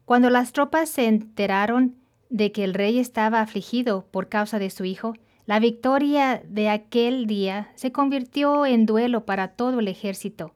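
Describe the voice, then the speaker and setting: A woman's voice: fairly high pitch, moderate pace, a little mellow. Woman narrating a Bible story.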